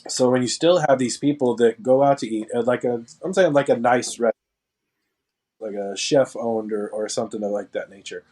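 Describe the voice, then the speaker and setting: A man in casual conversation, talking in a measured, reasoning way as a co-host. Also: mid-range voice, a little mellow.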